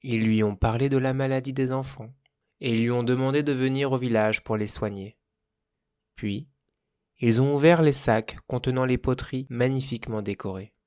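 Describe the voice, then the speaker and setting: Man calmly narrating a folk tale. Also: medium pitch, moderate pace, smooth, no room sound, clean studio sound. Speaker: storyteller. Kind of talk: storybook narration.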